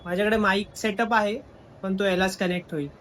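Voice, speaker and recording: A man's voice: high voice, brisk, slight background noise, rough recording. A young man chatting casually in his daily vlog, mixing English words into his talk, recorded on a phone. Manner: relaxed chatty, mixes English words into Marathi. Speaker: vlogger, aspiring actor. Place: Mumbai, indoors and out on the street. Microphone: phone held while vlogging.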